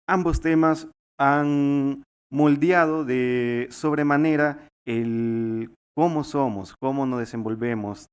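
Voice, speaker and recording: A Salvadoran man in his twenties delivers a formal, earnest speech at a youth summit, often using fillers and restarting sentences. His voice is smooth and medium-pitched.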